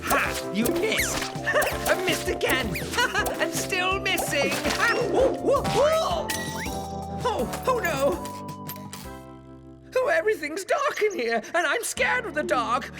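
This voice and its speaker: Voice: very high voice, big pitch swings, slow pace, heavily acted. An actor voicing a cowardly, whiny big bad wolf villain in a children's cartoon, pleading and exaggerated. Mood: gleeful mocking. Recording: loud music behind.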